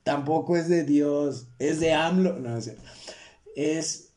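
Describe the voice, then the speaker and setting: A man's voice: on the high side, slow pace, dark tone. Young mexican guy rambling solo on his podcast, jokey and self-mocking, lots of slang. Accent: Mexican Spanish. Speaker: podcast host. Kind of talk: casual solo podcast monologue.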